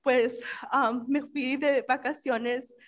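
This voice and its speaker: High-voiced young woman sharing testimony. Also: slow pace. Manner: mixes Spanish and English freely, animated storytelling. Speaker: church member giving testimony. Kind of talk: spoken testimony at a church service.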